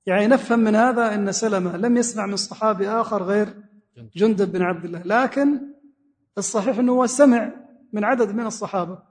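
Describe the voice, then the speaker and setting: High-voiced sheikh teaching in a reverberant mosque. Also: male voice, fast. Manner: explains word by word, repeats key phrases. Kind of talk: religious lesson explaining a hadith text. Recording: long reverb of a mosque hall.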